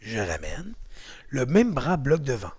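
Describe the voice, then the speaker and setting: A man's voice: medium pitch, huge pitch swings, measured pace, a little mellow, husky. Upbeat Québécois man leading an exercise class. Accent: Québécois French. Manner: chatty, encouraging, playful. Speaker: exercise and martial arts instructor. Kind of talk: guided home exercise class.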